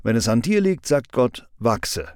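A man giving a calm devotional sermon with a measured, instructive delivery. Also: medium pitch, clean tone, no room sound, clean studio sound. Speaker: preacher.

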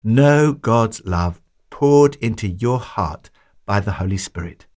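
A man reading a scripted devotional commentary in a measured, emphatic way, pausing between listed points. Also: fairly low pitch. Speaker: devotional reader.

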